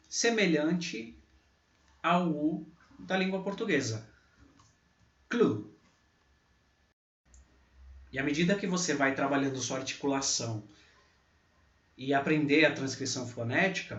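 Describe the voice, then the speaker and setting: A man teaching a pronunciation lesson, slowly repeating example words out loud. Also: a little high. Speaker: English teacher. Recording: echoey, distant, dull mic.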